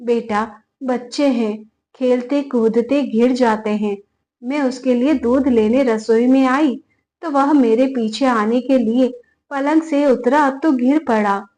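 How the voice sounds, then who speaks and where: Woman voicing a meek, soft-spoken old mother-in-law. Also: fairly high pitch, slow pace. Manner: soft, quiet pleading.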